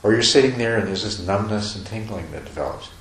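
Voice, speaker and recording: A meditation teacher with a lowish voice delivers a dharma talk in a retreat meditation hall, speaking fast in loose, rambling sentences with restarts and soft chuckles. The room is echoey, with a faint hiss underneath.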